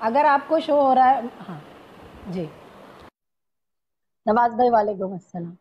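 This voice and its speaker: A woman's voice: a little high, animated, a little slow, muffled recording. A woman hosting a live stream, opening with formal greetings and often hesitating between phrases. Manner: formal Urdu-inflected greetings, many hesitations.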